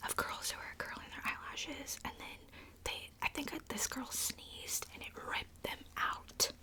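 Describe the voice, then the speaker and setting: Woman whispering chatty ASMR makeup talk. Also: a little slow. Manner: soft chatty whisper with filler likes. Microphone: close camera mic, handheld filming.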